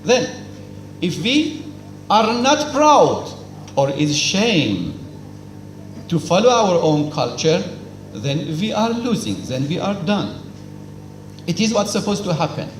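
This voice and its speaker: A man whose voice sits high, with big pitch swings, takes it slowly and pauses often while giving a formal speech at a cultural celebration. He lectures emphatically in simple non-native English, asking and answering his own questions and repeating himself for emphasis. The recording is from an echoey hall with faint noise.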